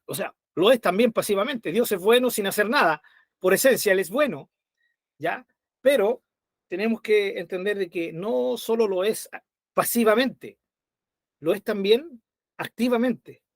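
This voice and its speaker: A man's voice: high-pitched, no room sound, clean studio sound. A man teaching a Bible study, conversational and often checking in with his listeners. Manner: conversational, checks in with frequent tag questions.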